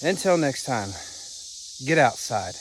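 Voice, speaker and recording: A man's voice: mid-range voice, very animated, slow pace, heavy background noise. A man casually talking through a vlog outdoors at a farm, explaining things as he shows them. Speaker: firewood vlogger.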